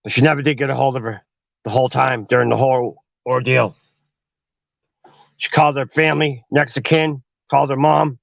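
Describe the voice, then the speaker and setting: A man's voice: mid-range voice, fairly even intonation, moderate pace, gravelly, no echo, highs cut off. A man telling a horror story on his podcast in a profane, slangy way. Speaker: podcast host.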